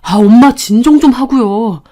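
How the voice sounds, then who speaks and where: A woman's voice: medium pitch, moderate pace, darkish tone, natural voice. A woman voicing a flustered young husband caught between his wife and mother, talking defensively.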